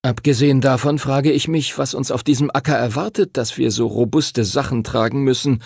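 A precise, bookish boy who likes to set the others straight, as a male narrator plays him. The reader lifts his voice high for him, and a slightly husky, gravelly grain remains. He is a character in a children's audiobook. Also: fairly quick, darkish tone, no echo, clean studio sound. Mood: pedantic. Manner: correcting, precise. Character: know-it-all bookish boy.

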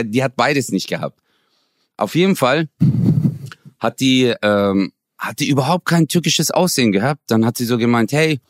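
Man, 40s, from Germany, podcast co-host, casual slangy storytelling, acts out dialogue, medium pitch. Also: dry recording, studio quality.

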